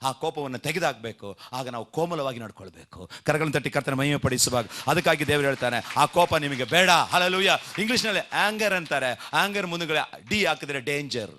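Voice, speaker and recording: A man's voice: on the high side, animated, fairly quick, few pauses, bright, forceful tone. A man preaching a sermon, leading the congregation in call and response with frequent hallelujahs and amens. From India. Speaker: pastor.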